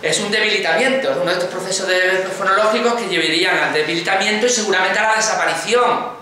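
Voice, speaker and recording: Echoey lecturing man, high bright voice. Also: quick pace. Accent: Andalusian Spanish. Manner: explanatory, checks understanding with frequent questions. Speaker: university phonology teacher. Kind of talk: classroom lecture. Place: classroom. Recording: echoey classroom with faint noise.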